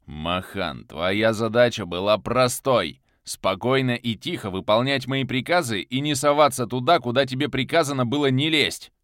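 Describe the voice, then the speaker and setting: A man voicing a cold, venomous male crime boss who shouts in fury. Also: medium pitch, animated, unhurried, hardly any pauses, dry recording, studio quality, pitched above the performer's own voice. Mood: furious.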